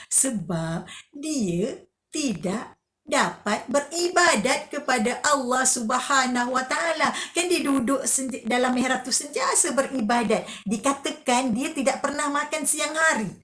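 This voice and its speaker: Lively woman teaching children. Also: fairly high pitch. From Malaysia. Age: 50s. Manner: animated questioning, answering her own questions, repeating key phrases. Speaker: religious teacher. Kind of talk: children's religious lesson.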